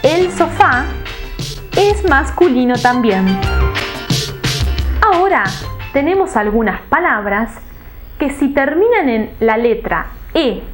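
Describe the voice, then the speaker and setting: Slow, high-voiced woman teaching a language lesson. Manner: slow, deliberate, spelling out example words. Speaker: Spanish teacher. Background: background music.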